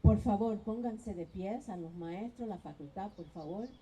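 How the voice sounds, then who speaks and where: A woman's voice: medium pitch, normal speed, mellow, slight background noise, poor audio. A woman school principal giving a heartfelt, emotional graduation speech into a podium microphone. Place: graduation ceremony.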